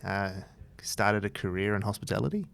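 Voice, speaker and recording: A man's voice: on the low side, moderate pace, gravelly, a bit bright. A man in his thirties from New Zealand with a New Zealand accent, telling his story in a loose, rambling interview chat full of fillers and restarts. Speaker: guest, entrepreneur. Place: his office.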